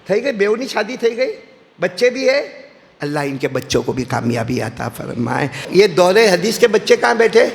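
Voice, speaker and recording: A man's voice: high voice, very animated, vocal fry. A middle-aged man, speaking as a religious teacher at a school gathering and teasing the audience with jokes and stories. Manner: joking, teasing the audience, storytelling. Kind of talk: humorous address at a madrasa gathering. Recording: echoey hall, faint background noise.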